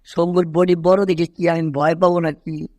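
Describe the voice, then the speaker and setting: A man's voice: a little high, flat delivery, moderate pace, dark tone, no echo, close to an everyday voice. A man voicing a timid male cartoon cat in a fan cartoon dub. He wails and yelps whenever he gets hurt. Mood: fretful.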